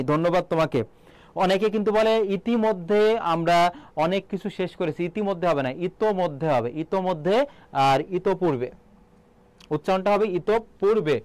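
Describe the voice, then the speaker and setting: Man teacher with a Bangladeshi Bengali accent, fairly high and smooth, drills students with questions. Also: a little mellow, no room sound. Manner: quizzing students with questions and repeating answers. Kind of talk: live online exam-prep class.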